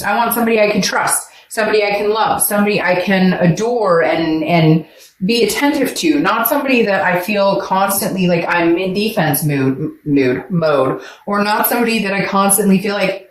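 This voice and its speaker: Woman, tarot reader, casual and animated, sore throat, echoey room, faint background noise. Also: mid-range voice. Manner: animated, acts out voices in quotes.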